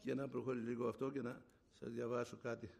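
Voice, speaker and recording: A middle-aged man preaches a sermon woven with a personal testimony, swinging from loud outbursts to hushed, low passages. His pitch moves little, and his voice carries vocal fry.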